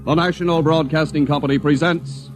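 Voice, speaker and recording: A man acting as a solemn, measured announcer of science fiction tales in a 1950s radio drama. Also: fairly high pitch, steady tone, close to an everyday voice. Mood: solemn, dramatic. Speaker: announcer and narrator. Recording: vintage radio broadcast with music.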